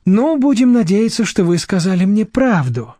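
A shrewd, commanding woman hands down terms in slow, steely words, as a male audiobook narrator voices her. The voice is dark and mellow, the recording close and dry. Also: fairly high pitch, expressive, no echo. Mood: stern. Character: stern middle-aged woman, shrewd and commanding.

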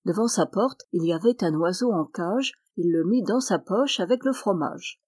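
A woman reading a fairy tale aloud as storyteller, in a steady, measured way. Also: on the low side, breathy edge, no room sound, clean studio sound.

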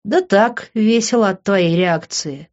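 A man's voice: high voice, slow, a little mellow, muffled recording, voice pushed up. A reader voicing a sarcastic, teasing young man who mocks his friend in an audiobook. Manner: teasing, ironic.

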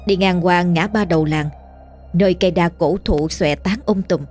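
A woman reading a ghost story as scripted narration, steady and measured. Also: fairly low pitch. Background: faint music.

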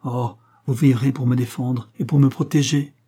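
A man's voice: mid-range voice, fairly even intonation, normal speed, dark tone, slightly rough, lightly acted. A man reading the lines of a young girl pleading with her dying mother, her words broken and imploring.

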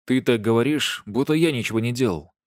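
A man's voice: medium pitch, fairly quick, no room sound, studio quality, natural voice. A man voicing a grumpy, flustered male werewolf who grumbles and snaps, in an audiobook. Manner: grumbling, snapping.

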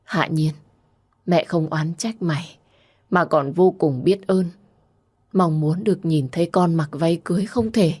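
A woman's voice: low voice, a little slow, pauses often, a little mellow, slightly rough. A woman voicing a dying elderly mother who speaks weakly and pleads tenderly with her daughter in a told story. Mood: pleading. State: dying, gasping.

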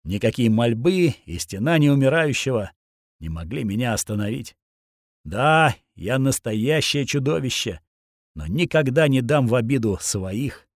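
A man narrating a first-person action audiobook in a steady, grim storytelling voice, recorded on a close studio mic. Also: mid-range voice, unhurried, no echo.

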